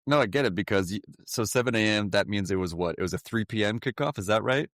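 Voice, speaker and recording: A man co-hosting a casual podcast, with a wry, deadpan sense of humor. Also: lowish voice, quick pace, no echo, clean studio sound. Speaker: podcast co-host.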